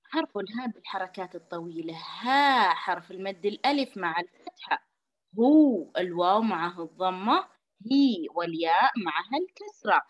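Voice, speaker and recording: A woman, a kindergarten teacher giving a lesson to young children. She speaks slowly and clearly and repeats each phrase. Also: medium pitch, very animated, no room sound.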